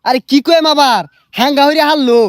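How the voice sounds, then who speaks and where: High-voiced man with grumbling banter. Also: fairly quick, a bit bright, a little hiss or hum. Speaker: comedy sketch actor. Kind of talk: comic sketch acting.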